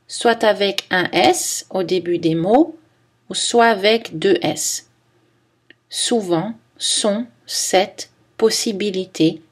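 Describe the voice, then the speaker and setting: A woman teaching French pronunciation in a scripted lesson, reading word lists one by one in a careful, measured way. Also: mid-range voice.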